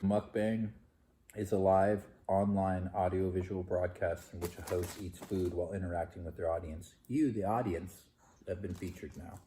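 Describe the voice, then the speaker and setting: A man's voice: low-pitched, fairly even intonation, normal speed, mellow, echoey room, a little hiss or hum. A man chatting casually with his fiancée, playful and jokey as he tells their story while eating. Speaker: fiancé co-host. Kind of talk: casual chat.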